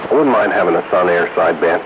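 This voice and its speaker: Talking fast in a low voice, a man chats casually over two-way radio as an amateur operator on a round table. His transmission, caught by a receiver, comes through muffled with clear static noise.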